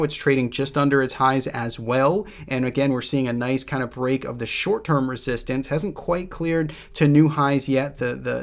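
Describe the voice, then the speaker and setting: A man with a Boston accent hosting a chart walkthrough, talking casually and loosely as he thinks aloud with frequent restarts. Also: medium pitch. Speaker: host presenting stock trade ideas.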